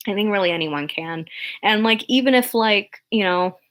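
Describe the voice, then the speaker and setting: Chatting casually and unscripted on a livestream, a young adult woman answers viewer questions in an earnest, encouraging way, rambling with plenty of fillers and restarts. She has a low speaking voice with a fairly bright tone and talks at normal speed.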